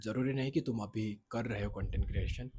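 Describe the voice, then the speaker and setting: A young man, a native Marathi speaker, chats casually to camera for his vlog, outdoors in the sun at a boys' hostel. He rambles, loses his thread, and corrects himself along the way. His voice is on the low side, mellow and a little fast, with a touch of hiss or hum.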